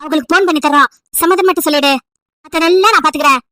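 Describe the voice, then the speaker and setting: A woman's voice: sits high, racing, bright, forceful tone, no echo, studio quality. A woman voicing a nagging, emotional old village grandmother over 70 who scolds and pleads at length. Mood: pleading. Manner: scolding, pleading, wailing complaints.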